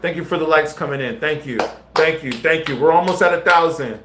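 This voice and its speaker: A man's voice: a little high, a little fast, background noise. A man live-streaming casual commentary, talking in slang straight to his viewers. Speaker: livestreamer. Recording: roomy echo with faint music.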